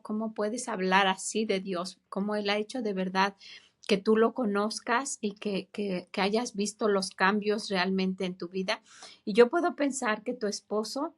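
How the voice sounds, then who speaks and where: A woman hosting a church podcast interview, encouraging and affirming as she asks her guest questions. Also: mid-range voice. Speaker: podcast host.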